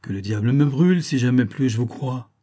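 A man voicing a small, mocking female titmouse in a storybook reading, with a high, shrill and teasing voice. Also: animated, a little fast, mellow, close to an everyday voice.

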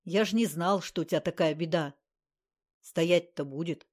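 A woman reading aloud and voicing a brash, cocky young man who teases loudly and bluntly. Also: a little high, moderate pace, natural voice. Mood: mock-sympathetic. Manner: loud, teasing, laughing.

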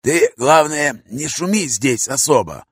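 A man doing a hoarse, gruff street vagrant. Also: mid-range voice, expressive, dry recording, studio quality, voice pushed up. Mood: chatty. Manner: slangy, coarse, drawn-out talk. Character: gruff streetwise male vagrant, talkative and bossy.

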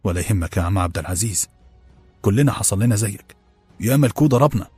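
A man reading an audiobook, voicing a humble male servant who speaks softly and apologetically to comfort a colleague. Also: on the low side, lively intonation, fast talker, breathy edge, dry recording, soft background music. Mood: consoling. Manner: soft, hushed, apologetic.

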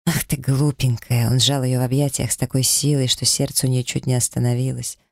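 A man narrating a romance audiobook in a calm, measured storytelling manner. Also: mid-range voice, vocal fry, no room sound, studio quality. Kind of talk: scripted narration.

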